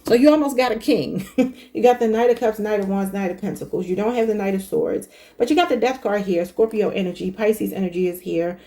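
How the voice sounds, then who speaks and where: Speaking straight to the camera, a woman gives a casual tarot reading in a mellow, warm, mid-pitched voice at a fairly quick pace. She is chatty, thinks aloud, and calls her viewers y'all.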